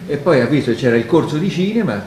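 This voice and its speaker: A man's voice: on the high side, lively intonation, fast, a little mellow, slight background noise. A man moderating a public talk, interjecting and summarizing the guest's story for the audience. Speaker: event moderator. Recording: very echoey hall.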